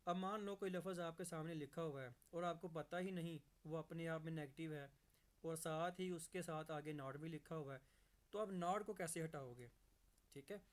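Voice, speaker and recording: A man teaching English grammar, who checks in often with the viewer and reads example sentences out slowly. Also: on the high side.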